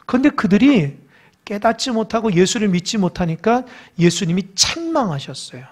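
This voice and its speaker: A man preaching a Sunday sermon as pastor, peppering it with rhetorical questions and swinging between loud and soft. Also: sits high, very animated, moderate pace. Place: church.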